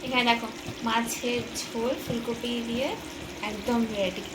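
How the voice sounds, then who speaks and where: A woman's voice: fairly high pitch, fairly even intonation, measured pace, noisy background. A young woman vlogging at home, walking viewers through a recipe step by step in a home kitchen. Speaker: family vlogger. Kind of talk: casual home vlog, cooking talk.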